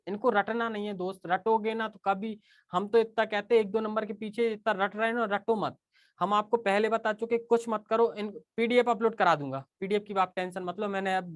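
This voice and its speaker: Male teacher, casual live class, conversational, keeps checking in with students. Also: high voice. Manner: chatty, repeats "okay" often and speaks straight to students.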